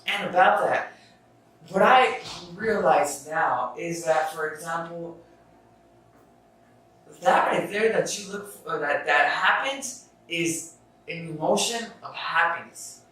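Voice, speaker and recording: A young man hosts a casual self-help podcast, rambling through his thoughts with restarts and casual swearing in a slow, pushed, bright voice on the high side. He sounds far from the mic in an echoey room, with faint noise.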